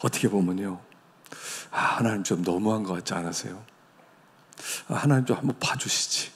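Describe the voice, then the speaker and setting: A male pastor delivers a sermon in a gravelly, husky voice of middling pitch. He preaches conversationally, tossing rhetorical questions at his listeners. A long reverb from the church hall hangs behind every phrase. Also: normal speed. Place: church sanctuary.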